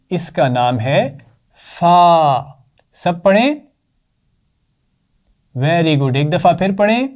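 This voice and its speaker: A male teacher with a Pakistani accent giving a children's lesson, slowly drawing out each sound and praising often. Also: a little high, a little mellow. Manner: slow, drawn-out repetition with praise.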